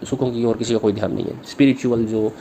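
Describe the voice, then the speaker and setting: A male teacher giving an exam-prep literature lecture, reading English lines slowly, then explaining them in Hindi. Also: medium pitch, steady tone, warm tone. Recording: faint background noise.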